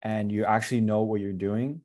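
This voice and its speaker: Mellow-voiced man coaching on a call. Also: on the low side, steady tone, moderate pace. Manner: casual, direct, upbeat advice. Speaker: business coach. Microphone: video call.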